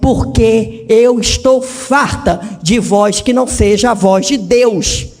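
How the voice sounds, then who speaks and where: A woman pastor preaching a dramatic sermon in a church, swinging from shouts to hushed tones. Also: on the high side, slow, long reverb tail, faint music behind. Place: church hall.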